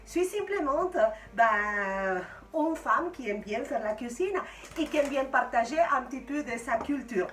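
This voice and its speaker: A woman from Mexico with a Mexican accent, hosting a casual cooking tutorial and chatting with viewers as friends, pausing often to search for words. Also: high voice, lively intonation, a bit bright. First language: Spanish. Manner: chatty, addresses viewers as friends, frequent hesitations. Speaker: home cook host. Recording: roomy, from mic distance, faint music.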